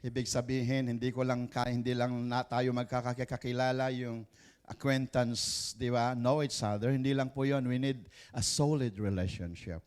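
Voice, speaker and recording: A man's voice: medium pitch, level tone, moderate pace, a little mellow. A pastor preaching a live sermon in church, switching between Tagalog and English and often calling out to the congregation for an "Amen.".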